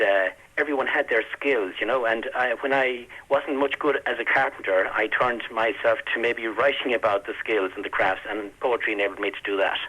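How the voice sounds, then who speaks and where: A man's voice: lowish voice, bright, forceful tone, husky, rough recording. An older man with a west of Ireland accent, speaking reflectively as a poet and guest on a radio interview. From County Galway, west of Ireland.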